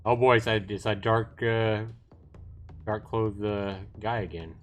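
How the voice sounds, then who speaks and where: Over game background music, a man livestreams a visual novel, reading the story text aloud with expression and slipping in casual asides. His voice is lowish, steady in tone, and unhurried.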